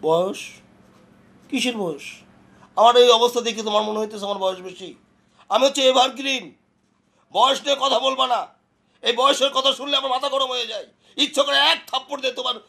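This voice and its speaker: A man's voice: high-pitched, a little fast, pauses often, a bit bright. An actor playing a middle-aged husband who scolds his wife and insists he is not old, in a television drama. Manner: indignant, scolding, vain about his age. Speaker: husband in a strained marriage.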